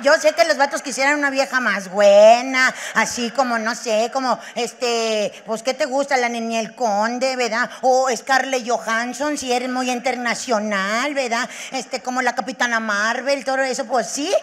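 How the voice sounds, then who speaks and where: A woman with a Mexican accent doing stand-up comedy, brash, profane and rapid-fire. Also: on the high side, fairly even intonation, a bit bright, in a large hall.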